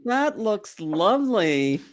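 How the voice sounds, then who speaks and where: A woman's voice: mid-range voice, sing-song, slow pace. A woman co-hosting a virtual cooking class over a video call, trading friendly, teasing banter with the chef and reading questions from the chat. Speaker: event host.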